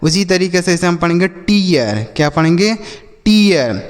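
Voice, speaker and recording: A man's voice: high-pitched, lively intonation, moderate pace, long reverb tail. A man teaching English reading to children, spelling words out letter by letter and asking and answering his own questions. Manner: spells words letter by letter, asks "what will we read?" and answers himself; calls listeners "children". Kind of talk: classroom-style phonics lesson.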